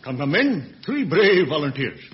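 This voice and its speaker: An actor playing a blustering, inept police inspector with a pompous manner in a radio comedy sketch. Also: male voice, a little high, sing-song, moderate pace, highs cut off.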